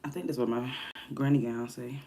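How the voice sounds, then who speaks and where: Her voice creaky and lower than usual after just waking, a woman chats casually on a morning livestream from home. This livestreamer and music artist rambles at a moderate pace, shifting from soft murmurs to livelier bursts, with slight background noise.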